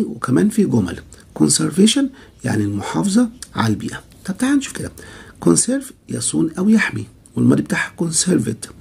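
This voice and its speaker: An Egyptian man teaching English vocabulary, heavy gravel and rasp through his voice. His tone is dark and mellow, and his pitch moves a lot as he reads word pairs and repeats them. He asks himself questions and answers them. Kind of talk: vocabulary lesson, mixing Egyptian Arabic and English.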